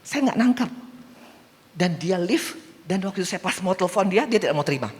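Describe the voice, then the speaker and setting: A woman preacher delivering a sermon, her voice swooping up and down with lively storytelling. She keeps turning to the congregation with questions. Long reverb from the large church hall trails every phrase. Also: fairly low pitch, brisk. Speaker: evangelist preacher.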